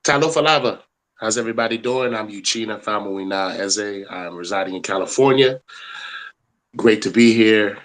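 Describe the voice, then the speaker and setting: Panelist, male, upbeat, slightly low voice, video-call audio. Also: moderate pace, poor audio.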